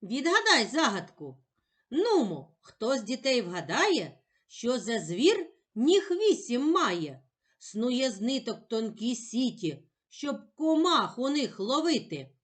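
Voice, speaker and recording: A woman teacher talks young children through a lesson in a patient, encouraging way. Her voice sits a little high and swings widely with expression, and she sounds every word out slowly and carefully. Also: sing-song. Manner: slow, carefully sounded-out speech.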